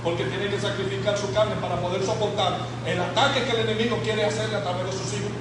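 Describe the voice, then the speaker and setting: A male pastor preaching a sermon, who acts out his church members' complaints and swings between loud and soft delivery. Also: high-pitched, little pitch movement, quick pace. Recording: echoey church hall, far from mic, noisy.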